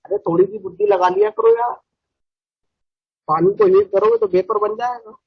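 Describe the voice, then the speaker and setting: Giving a chemistry lecture, a man with a high-pitched, slightly rough voice and fairly even intonation sounds brisk and scolding, pressing students again and again for quick answers. The audio is dry, dull, and somewhat lo-fi.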